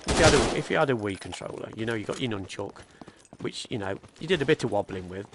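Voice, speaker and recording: A man talks through a shooting game in a relaxed, chatty way, breaking off with fillers as he explains the controls. His voice sits a little low, and loud game gunfire and clicks rattle behind him the whole time. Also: fast, very noisy. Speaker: gaming video creator. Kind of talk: casual gameplay commentary. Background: loud gunfire and game sounds.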